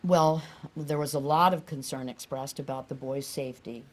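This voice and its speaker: An older woman giving expert witness testimony in a courtroom, halting and repeating words as she goes. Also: extremely low pitch, fairly even intonation. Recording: noisy, echoey courtroom audio.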